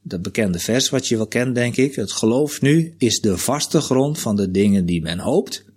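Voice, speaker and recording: A man's voice: mid-range voice, animated, moderate pace, a little mellow, husky. A man leading a Bible study, explaining scripture verse by verse and answering questions from the group.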